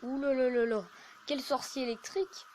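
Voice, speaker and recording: A woman YouTuber chatting through her game in a loose, rambling way, poking fun at herself. Her voice sits a little high, and a faint hiss runs under the recording. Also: fairly even intonation, moderate pace, darkish tone. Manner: chatty, rambling, self-mocking. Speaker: gaming YouTuber. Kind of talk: casual gameplay commentary.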